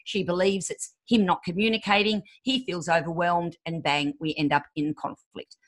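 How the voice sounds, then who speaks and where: A woman's voice: fairly low pitch, fairly even intonation, moderate pace. A woman in her fifties, a podcast guest giving relationship advice and acting out quoted voices. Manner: acts out quoted voices, emphatic.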